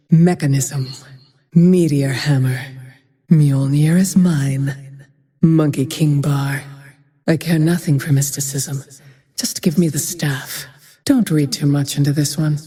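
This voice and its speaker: A woman voicing a grim, vengeful, haunted female ranger hero in a fantasy game, with terse, brooding, breathy lines. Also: deep voice, mellow, exaggerated voice. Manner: measured, terse, brooding delivery. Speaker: video game voice actor. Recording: long reverb on the voice.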